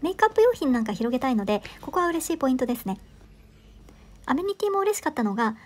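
A woman in her thirties giving an upbeat, enthusiastic scripted voice-over for a travel vlog, recorded indoors. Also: sits high. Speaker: travel vlogger.

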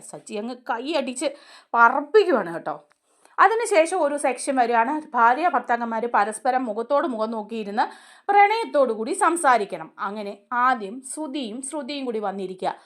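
A woman recaps a TV serial episode in a loose, chatty way. Her voice sits a little high. She keeps dropping in small tag words and restarting her sentences as she tells it. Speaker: TV serial reviewer.

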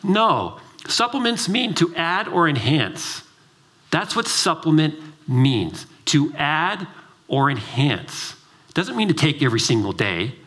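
A middle-aged man, a doctor, giving an emphatic, driven summit presentation and telling stories with acted-out dialogue. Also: on the high side. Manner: animated storytelling, acts out dialogue. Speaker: doctor giving a conference talk.

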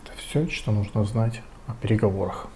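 A man in his forties reading out short jokes informally, in a low-key way with pauses. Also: background noise. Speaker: joke teller. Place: home kitchen, indoors.

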